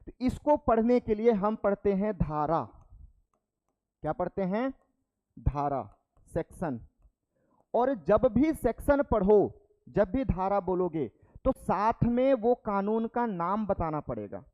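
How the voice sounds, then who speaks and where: With lo-fi sound, a young male teacher speaks slowly and very animatedly in a high voice, pausing often. He breaks the lesson into steps, repeats terms, and checks with the class via "ठीक है" after each point.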